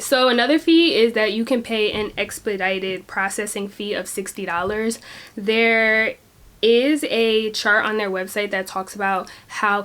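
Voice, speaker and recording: A young woman vlogger talking through a step-by-step explainer in a chatty way, correcting herself and adding jokey asides. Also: mid-range voice. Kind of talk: casual explainer vlog.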